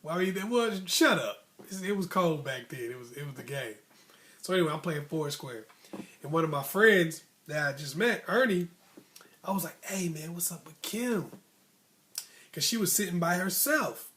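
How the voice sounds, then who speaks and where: Speaking at normal speed in a fairly high voice, an American storyteller host recounts something from his own life. His talk is casual, animated and slangy, and he acts out snippets of childhood dialogue along the way.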